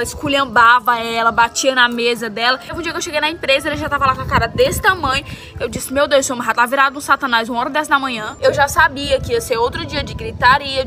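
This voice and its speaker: A high-voiced woman tells a casual, animated story and acts out the people she quotes. Her delivery is quick and chatty. Music plays clearly behind her the whole time. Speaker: TikTok storyteller. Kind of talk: casual storytime over slime video. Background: background music.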